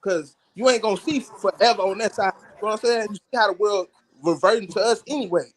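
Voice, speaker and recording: A man with a high voice speaks on a podcast panel. He talks in a slangy, laid-back way and keeps checking that the others follow him. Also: fast talker. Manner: slangy, laid-back, keeps saying "you know what I'm saying". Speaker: panel guest. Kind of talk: casual panel discussion.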